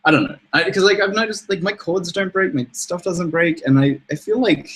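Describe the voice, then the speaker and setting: A man's voice: high-pitched, fairly quick, a bit bright, rough recording. A man, co-hosting a live gaming podcast in rambling, laughing casual chat. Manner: rambling, self-interrupting, laughs often. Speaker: podcast co-host.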